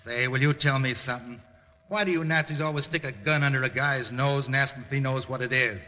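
Man playing a bright-voiced, wisecracking American sailor. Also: mid-range voice, fairly even intonation, a little fast, natural voice. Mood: sardonic. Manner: dry, folksy, insolent. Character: defiant, wisecracking working-class American merchant seaman held prisoner. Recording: muffled old film sound, reverberant hall, hiss.

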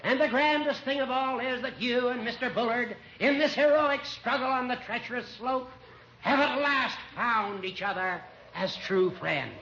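An actor playing a genteel, teasing old judge with flowery speech, in old-time radio comedy style. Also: male voice, extremely high pitch, moderate pace, sharp tone, slight background noise, full character voice. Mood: grandiloquent. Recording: echoey, dull old radio recording.

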